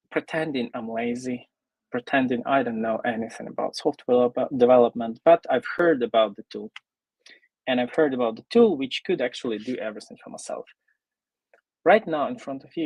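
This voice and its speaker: A man from Ukraine, presenting an online tech talk as a software developer, casual and full of fillers. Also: mid-range voice, gravelly, husky, no room sound, low-quality recording. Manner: casual, pausing often with fillers.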